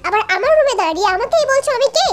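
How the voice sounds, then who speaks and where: A woman's voice: very high voice, very animated, very fast. A woman voicing a jealous young woman who insults and threatens her rival, in a storybook reading. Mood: spiteful.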